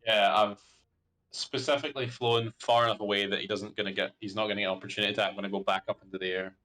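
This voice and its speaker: A man's voice: fairly low pitch, steady tone, fast talker, sharp tone, rough recording. A man playing a tabletop game, explaining his moves and checking the rules. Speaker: player. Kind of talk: casual tabletop game chat.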